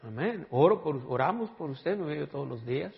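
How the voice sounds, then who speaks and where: A man's voice: fairly high pitch, animated, normal speed, vocal fry. Man preaching in an echoey hall. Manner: emphatic preaching with call-and-response asides. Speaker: pastor. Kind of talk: sermon. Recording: dull audio with long hall reverb.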